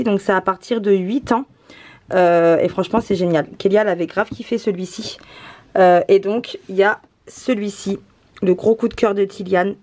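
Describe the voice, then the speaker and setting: Chatty woman presenting toys with many fillers. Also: mid-range voice. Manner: relaxed, many hesitation fillers, laughs often. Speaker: vlog host, mother presenting gifts. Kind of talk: casual unboxing chat.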